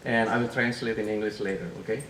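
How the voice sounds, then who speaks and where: An Indonesian-accented man gives a friendly wedding toast, pausing often with fillers. He sits at a middling pitch, picked up from across an echoey room. Steady background noise runs under his voice. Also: distant mic. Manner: halting, full of fillers. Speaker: wedding guest giving a toast.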